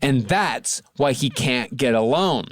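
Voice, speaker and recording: A man's voice: mid-range voice, expressive, takes it slowly. A man in his thirties hosting a comedy podcast, narrating a story with profane, dry asides. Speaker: podcast host.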